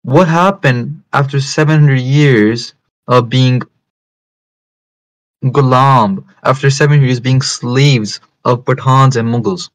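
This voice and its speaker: Man, medium pitch, religious teacher, lecture style, emphatic repetition, mixes into English. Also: slow pace, low-quality recording. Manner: repeats and rephrases phrases for emphasis; switches between English and Punjabi. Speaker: religious teacher giving a talk.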